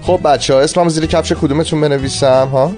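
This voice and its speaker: A man's voice: a little high, fairly even intonation, music in the background, natural voice. A man playing a fussy, theatrical male dance teacher in a dubbed TV drama, talking with exasperated, dramatic pleading. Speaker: dance instructor.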